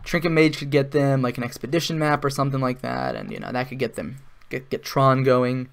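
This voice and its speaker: A man's voice: mid-range voice, fairly quick, creaky. A man giving casual live-stream commentary while playing an online card game, thinking aloud, with sarcastic asides.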